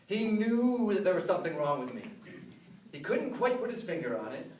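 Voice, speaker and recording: Higher-voiced American man, rehearsed humorous speech, roomy. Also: big pitch swings, a little mellow. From upstate New York, USA. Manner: rehearsed, deliberate storytelling with pauses and self-deprecating punchlines. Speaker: contestant giving a humorous club speech. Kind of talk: memorized humorous speech to a live audience. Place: live speech in a room. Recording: roomy, distant mic, some noise.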